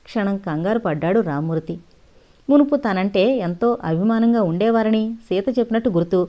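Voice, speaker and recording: A woman narrating an audio novel in an expressive storytelling style. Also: medium pitch, normal speed. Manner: expressive reading. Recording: dull lo-fi audio.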